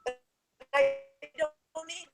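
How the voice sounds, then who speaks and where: A woman on a video call from her phone in a car, talking in halting fragments while her connection drops out and breaks up. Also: faint music behind. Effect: call dropping out, voice breaking up. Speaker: panel guest. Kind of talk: casual chat on a video call. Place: inside a parked car. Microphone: phone on mobile data.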